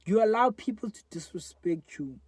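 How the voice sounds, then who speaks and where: Talking to his phone's front camera, a twenty-something South African vlogger gives a rambling, candid, reflective monologue with lots of fillers. The voice sits high and is animated, at normal speed with a breathy edge, and the recording is dry.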